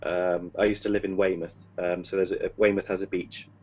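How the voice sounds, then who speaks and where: A man's voice: sits low, flat delivery, normal speed, a little mellow. A man telling a story casually, hesitant and full of fillers. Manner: rambling, hesitant, many fillers and restarts. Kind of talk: casual storytelling on a video call. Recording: dull lo-fi call audio with faint hum.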